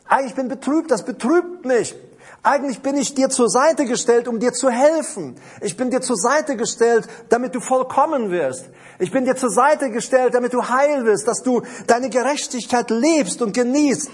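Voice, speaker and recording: Sorrowful, gentle spirit, pleading in a high, husky voice, as a male preacher puts it on. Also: expressive, normal speed, exaggerated voice.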